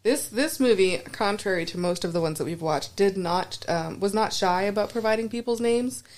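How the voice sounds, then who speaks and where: A woman's voice: mid-range voice, normal speed, darkish tone. Casting: female podcast co-host, mid-range voice, chatty and filler-heavy. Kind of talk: casual movie-review chat.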